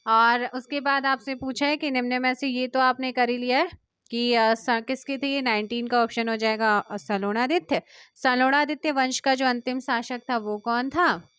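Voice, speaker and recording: A woman teacher with an Indian Hindi accent, running a quick quiz-style exam prep lesson, reading questions and answers and urging viewers to comment. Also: high-pitched, fairly even intonation, a bit bright, smooth, dry recording. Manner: brisk, quizzing viewers and urging them to comment.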